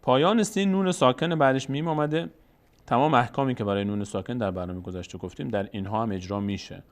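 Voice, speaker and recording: A male teacher leads a step-by-step recorded lesson on reading the Quran. He talks patiently, poses questions and answers them himself. When he demonstrates, he stretches each sound out slowly. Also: medium pitch.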